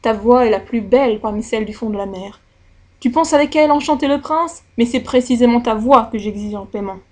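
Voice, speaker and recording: A woman's voice: a little high, a little fast, a little mellow, lightly acted. A woman reading a scornful old sea witch. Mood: menacing. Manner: mocking, blunt and threatening.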